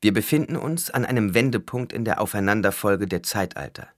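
A man voicing a blinded young ruler who speaks in a calm, measured, authoritative way. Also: lowish voice, dry recording, studio quality, close to an everyday voice. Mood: firm.

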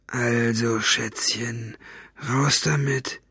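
A man's voice: high-pitched, fairly even intonation, fairly quick, fairly bright tone, no room sound, studio quality, pitched above the performer's own voice. Man voicing a barking brutal henchman. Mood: menacing. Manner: barking, contemptuous threats. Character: brutal loud adult male henchman, bullying.

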